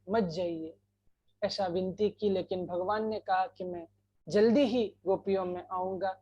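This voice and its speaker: A woman narrating a devotional scripture story in an unhurried way, breaking into sung verses. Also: medium pitch, lo-fi sound. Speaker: katha storyteller.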